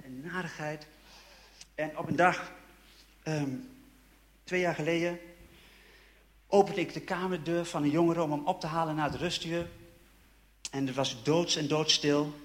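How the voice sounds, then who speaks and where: A young man telling his personal faith testimony in an emotional, halting way, with many repeated words and restarts. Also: on the high side, a bit bright. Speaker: church member giving a testimony.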